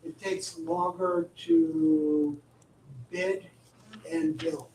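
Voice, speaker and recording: A man giving an informal briefing at a county board meeting, halting with many fillers and wry asides. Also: very high voice, very animated, gravelly, darkish tone, a little hiss or hum. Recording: echoey room, distant mic.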